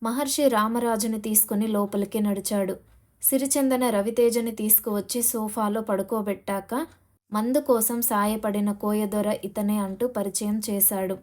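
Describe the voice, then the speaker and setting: Female audiobook narrator, warm mellow voice, steady and dramatic reading. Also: mid-range voice, normal speed. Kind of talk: scripted novel narration.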